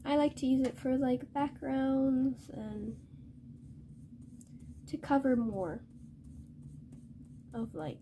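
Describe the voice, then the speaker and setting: Soft, halting young woman teaching painting. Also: high-pitched, slight background noise. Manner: hesitant, halting, self-correcting. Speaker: art tutor. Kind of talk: painting demonstration tutorial.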